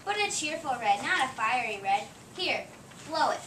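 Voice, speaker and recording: A scolding, motherly Mrs. Claus, as a woman reads her, fussing nonstop. The high voice is heard from afar in a roomy space with noise behind it. It is an amateur play reading. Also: animated, normal speed. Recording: echoey room, distant mic, noise.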